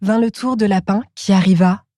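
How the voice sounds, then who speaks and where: A woman narrating a children's storybook in a calm, clear storytelling manner. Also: medium pitch, normal speed, noisy background.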